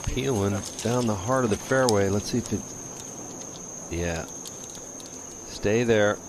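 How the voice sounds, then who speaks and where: A man's voice: on the low side, takes it slowly. A man providing live golf commentary on a broadcast with outdoor background noise.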